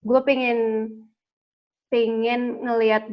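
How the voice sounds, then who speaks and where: A chatty woman, an actress, talks casually over a video call, her voice sitting a little high. She hesitates with fillers and laughs easily. The call audio is dull and lo-fi. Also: flat delivery, takes it slowly. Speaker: interview guest, actress. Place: home during lockdown.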